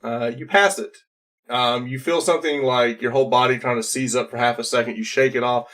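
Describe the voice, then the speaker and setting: A man's voice: medium pitch, fairly quick, fairly bright tone. Casual male game master, mid-range voice. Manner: casual, playful narration. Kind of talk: narrating a tabletop role-playing game.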